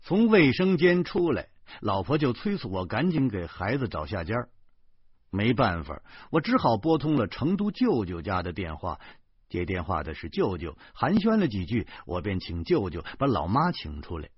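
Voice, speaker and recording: A man reading a first-person story aloud with a wry, grumbling and expressive delivery. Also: on the low side, moderate pace, husky, dry recording. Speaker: audiobook narrator. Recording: dull, dry.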